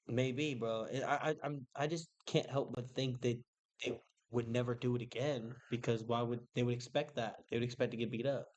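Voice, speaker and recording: A man's voice: mid-range voice, steady tone, normal speed. A man in a mid-range voice co-hosting a loose, casual podcast. He talks in a laid-back, slangy way, laughing often between his points. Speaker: podcast co-host. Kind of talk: casual chat.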